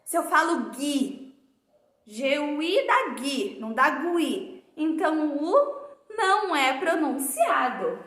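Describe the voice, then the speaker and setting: Brief: woman, primary teacher for a remote lesson, unhurried, drawn-out words, high voice, echoey room. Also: sing-song, fairly bright tone. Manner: slow, drawn-out sounding of words for children; affectionate, calls pupils dear.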